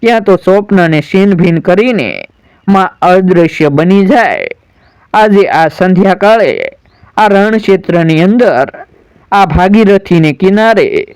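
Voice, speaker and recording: A solemn, declamatory warrior son pleads with sorrow, as a man storyteller recites him. The voice sits high and moves slowly, smooth and clear. It sounds dry and close, with no room around it. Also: darkish tone, no room sound. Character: grieving proud warrior son, adult man.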